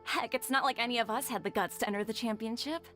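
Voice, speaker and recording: A woman voices a blunt young friend in a video game who cheers her companion on, brash and a touch high. Game music plays softly behind her. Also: quick pace, close to an everyday voice. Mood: encouraging.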